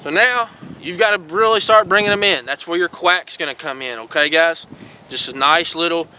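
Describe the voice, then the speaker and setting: High, bright-voiced man teaching. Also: normal speed, a little hiss or hum, poor audio. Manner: folksy and encouraging, repeats "all right" and "guys". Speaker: host teaching duck calling. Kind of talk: casual outdoor instruction.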